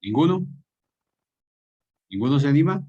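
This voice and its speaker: A man's voice: fairly high pitch, very animated, normal speed, muffled recording. Man teaching an online class. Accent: Colombian Spanish. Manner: explanatory, questions the students. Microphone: video call.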